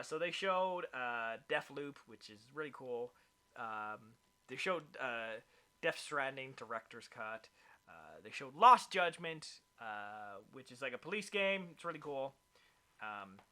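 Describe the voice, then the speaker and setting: A man hosts a casual gaming chat, and his voice sits a little high with a bright edge. He rambles along, stacking fillers and restarts, and perks up when something grabs him. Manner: rambling, filler-heavy, excitable. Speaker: podcast host.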